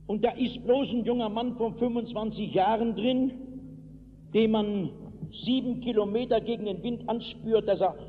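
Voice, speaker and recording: A male pastor preaches with a high, ringing voice and forceful, storytelling emphasis. The recording is thin and tinny, carrying a long echo from a large hall. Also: moderate pace, slight background noise. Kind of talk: sermon. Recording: echoey hall, tinny lo-fi line.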